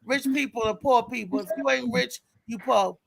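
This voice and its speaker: Middle-aged man, very high voice, gravelly, stammers and repeats himself, casual chat. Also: normal speed, crowd noise. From Washington, D.C. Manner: stammering, repeats words while building a point.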